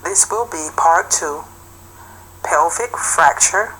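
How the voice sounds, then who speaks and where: A woman reads a scripted medical dictation in a formal, deliberate way, announcing each question and answer as an instructor would. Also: lowish voice, bright, forceful tone, a little hiss or hum, low-quality recording. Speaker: dictation instructor reading practice material.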